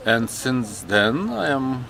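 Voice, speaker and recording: A man from Lithuania with a Lithuanian accent, a native Lithuanian speaker, telling his story in an interview in slow, halting English full of restarts. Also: mid-range voice, sing-song, gravelly, fairly bright tone, slight background noise. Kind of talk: personal interview.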